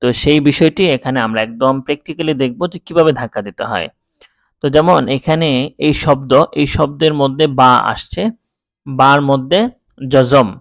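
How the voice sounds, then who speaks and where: A Bangladeshi man teaching Quran reading, slowly spelling out letters and repeating each word clearly. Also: mid-range voice, no echo. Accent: Bangladeshi Bengali. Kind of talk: step-by-step recitation lesson.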